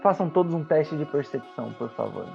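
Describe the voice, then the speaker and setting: A Brazilian man acting as game master describes a fantasy world for a tabletop roleplaying game, adding conversational tags as he goes. His voice is a little high, animated, slightly fast, and gravelly, heard in dull lo-fi audio under background music.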